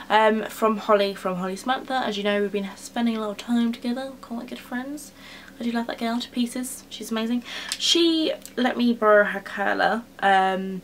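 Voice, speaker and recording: A woman's voice: medium pitch, slight background noise. A twenty-year-old woman chatting casually and gushing as she reviews her favourite beauty products. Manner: bubbly, rambling and gushing. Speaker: beauty vlogger. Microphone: camera mic.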